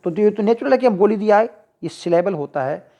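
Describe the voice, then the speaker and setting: A woman teacher with a Hindi accent, going through exam practice questions, reading each one slowly and then explaining the answer choices. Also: medium pitch, expressive, dark tone. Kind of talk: exam-prep lesson.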